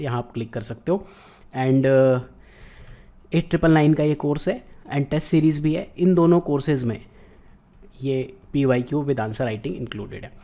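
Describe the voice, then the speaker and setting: Man giving a dark-toned lecture. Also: mid-range voice. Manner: explains in Hindi mixed with English terms, often adds "right". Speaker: geography teacher. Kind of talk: recorded exam-prep lecture.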